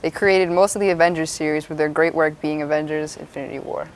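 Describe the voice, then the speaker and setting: A woman's voice: low-pitched, steady tone, fast talker, rough recording. A young woman reading scripted news as an anchor on a student mock newscast.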